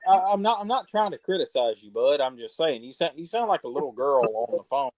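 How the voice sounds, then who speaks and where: A man's voice: a little high, expressive, a little fast, over a noisy crowd, rough recording. A man with a Southern US drawl, talking in a blunt, teasing way in casual chat.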